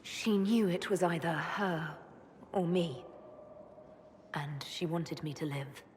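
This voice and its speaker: A composed elf mage heroine from a video game, with a lowish, measured voice. She is restrained and sympathetic, heard in a reverberant hall with faint noise. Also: darkish tone. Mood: gentle regret. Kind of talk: video game dialogue acting.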